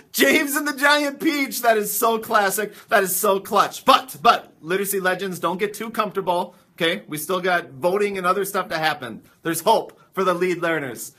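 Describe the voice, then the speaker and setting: A man hosting a book talk show with excited, laughing hype. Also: sits high, moderate pace, hardly any pauses. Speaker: host.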